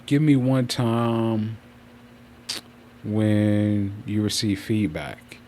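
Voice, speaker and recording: A man chatting casually on a livestream from a room at home, rambling and often circling back to repeat himself. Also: lowish voice. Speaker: streamer hosting a channel. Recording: clear steady fan noise. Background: fan running.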